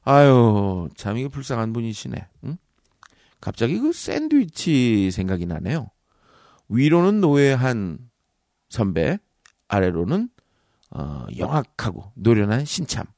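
A man hosts a comic speech-coaching podcast, teasing his listeners as he gives workplace advice. His pitch swings widely as he acts out little scenes. The close mic sounds dry, with no room around him. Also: huge pitch swings, unhurried, a little mellow, dry recording. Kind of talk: comedic advice monologue.

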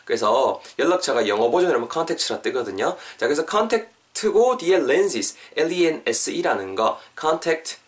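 A man's voice: fairly high pitch, sing-song, far from the mic. A man with a Korean accent, a native Korean speaker, hosting a casual podcast English lesson. He chats along, spells words out letter by letter and corrects himself as he goes. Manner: chatty, spells words out slowly, self-corrects. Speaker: English teacher, podcast host.

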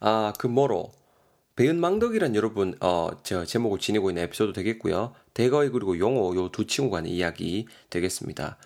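A man with a lowish voice and a Gyeongsang Korean accent hosts an English lesson podcast. He is chatty and explains words slowly, spelling them out letter by letter. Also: big pitch swings, a little mellow. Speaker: English teacher.

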